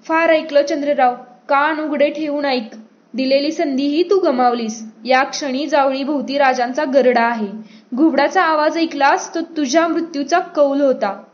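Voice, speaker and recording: A woman reader voicing a steady, dignified male royal envoy who speaks firmly and measuredly. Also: sits high, muffled recording, natural voice. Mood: stern. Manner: firm, measured, stern.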